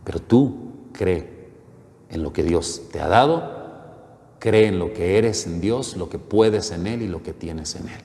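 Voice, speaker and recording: A male pastor preaching a sermon, dramatic, with sudden rises and slow, emphatic lines. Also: low-pitched, lively intonation, darkish tone, in a large hall.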